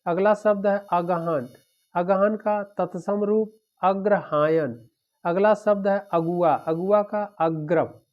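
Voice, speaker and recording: Slow-spoken male teacher, lo-fi. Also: sits high, steady tone. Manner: repetitive drilling of word pairs. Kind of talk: exam-prep lecture. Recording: dull lo-fi recording.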